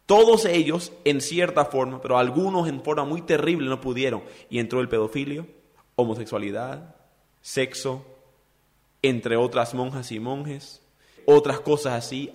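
A man's voice: mid-range voice, a little slow, a little mellow, in a large hall. A man preaching a sermon, asking the congregation rhetorical questions and acting out quoted voices. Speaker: pastor.

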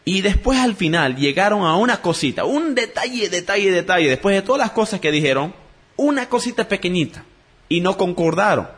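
A man's voice: high-pitched, a little fast, husky. Earnest man preaching a sermon. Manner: earnest teaching tone, addresses listeners as brothers; acts out dialogue in a joke with lively voices.

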